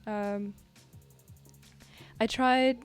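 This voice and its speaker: A woman chatting casually and a little haltingly as she streams her drawing, with an easygoing manner. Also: a little high, steady tone, smooth. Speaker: art livestreamer. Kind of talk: casual livestream chat while drawing. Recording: music behind the voice. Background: music.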